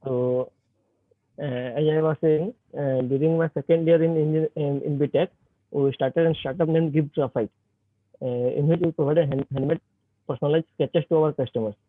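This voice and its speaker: A man's voice: fairly high pitch, steady tone, normal speed, no echo. A young man in his twenties with an Indian accent speaks to students over a bad video-call connection, hesitant and full of fillers. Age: 20s. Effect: bad connection on a video call, voice breaking. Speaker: guest speaker, startup founder. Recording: tinny lo-fi call line, dry.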